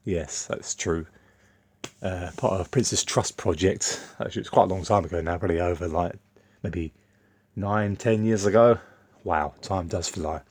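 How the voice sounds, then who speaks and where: A man's voice: low voice, normal speed, a little mellow, dry recording. A man, rambling bluntly in a casual off-the-cuff vlog monologue. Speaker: vlogger.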